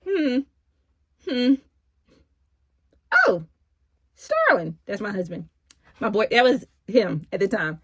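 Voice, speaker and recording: A middle-aged woman casually telling a personal story in an animated, chatty way. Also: medium pitch, slow, pauses often, husky, dry recording. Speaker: vlogger.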